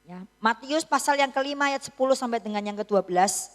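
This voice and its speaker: A woman's voice: a little high, fairly quick, long reverb tail. A woman preaching a sermon in a church, telling a story in a chatty, teasing way with frequent tag questions.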